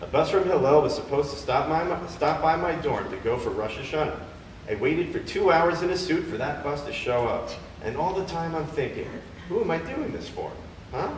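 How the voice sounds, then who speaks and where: In a staged play reading, a stage actor with a voice on the high side plays a conflicted, exasperated younger man, delivering emphatic questions in live comedic theater. A far microphone in a theater or temple hall picks him up, leaving the sound echoey and noisy.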